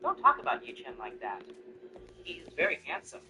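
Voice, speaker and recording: Brief: man narrating as a shy young wife, earnest and soft-spoken, lively pitch, music underneath. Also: moderate pace, rough recording. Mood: reassuring.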